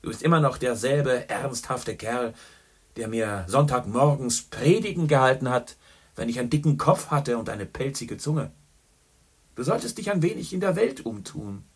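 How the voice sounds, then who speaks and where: A man voicing a boisterous, worldly middle-aged journalist who talks loudly and boastfully. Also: mid-range voice, animated, normal speed, husky, pitched above the performer's own voice. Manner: loud, hearty and boastful.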